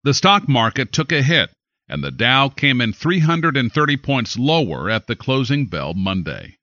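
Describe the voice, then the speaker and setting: A man's voice: mid-range voice, big pitch swings, moderate pace, bright, forceful tone, no echo, highs cut off. An American man reading scripted news in an emphatic, dramatic announcer style. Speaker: news anchor.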